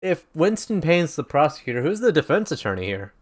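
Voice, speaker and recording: A man streaming a game, chatting casually and excitably, swearing and restarting often. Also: on the high side, brisk. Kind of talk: casual let's-play chat. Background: game music.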